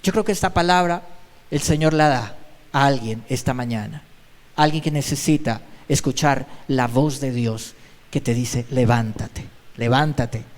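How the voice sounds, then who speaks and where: A man's voice: mid-range voice, moderate pace, big-room sound. A male pastor giving an emphatic sermon, repeating his exhortations. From Colombia. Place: church.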